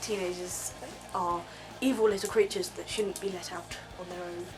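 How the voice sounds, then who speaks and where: A woman's voice: lowish voice, fairly even intonation, normal speed, over music, rough recording. A teenage girl ranting casually in a vlog from her bed, rambling with lots of ums. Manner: rambling, filler-heavy, frequent ums. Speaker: vlogger.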